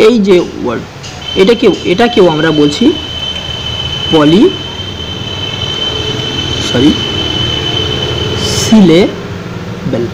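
A man, teaching an English grammar lesson, speaking slowly and patiently, repeating each definition and spelling words out letter by letter. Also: high-pitched, very animated, noisy background.

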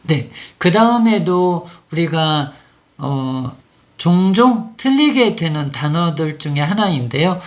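Patient phonics teacher with a lively pitch. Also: slow. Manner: patient, explains step by step with fillers. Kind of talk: explaining a lesson.

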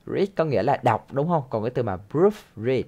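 A man's voice: medium pitch, sing-song, brisk, highs cut off. Male teacher, patient and repetitive, walks students through listening drills. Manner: patient, repeats phrases, ends sentences with soft tag words. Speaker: English teacher. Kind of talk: explaining a listening lesson.

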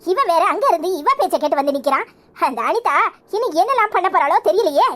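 A woman playing a sharp-tongued older village sister, scolding and mocking in a Kanyakumari Tamil accent. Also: extremely high pitch, lively intonation, fast talker. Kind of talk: village comedy serial acting.

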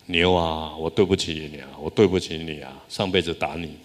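A man voicing a wise, kindly old monk in a story, explaining patiently and gently. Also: very deep voice, fairly even intonation, a little fast. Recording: long hall reverb.

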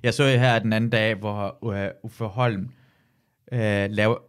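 A man hosting a podcast in casual chat, animated and ranting, swearing freely. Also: on the low side, clean tone. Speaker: podcast host.

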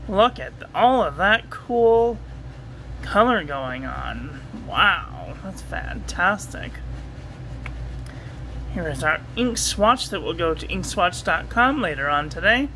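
A woman reviewing ink and paper at a home desk, talking through a steady, repetitive checklist and getting excited about the ink colors. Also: fairly low pitch, slow pace, a little hiss or hum, rough recording. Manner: enthusiastic over ink colors. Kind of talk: casual product review voice-over.

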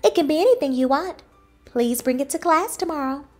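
A woman voicing a kindly, encouraging female biscotti schoolteacher in a children's storybook, announcing things clearly. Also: high voice, lively intonation, fairly quick, faint music behind, voice pushed up. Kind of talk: children's storybook read-aloud.

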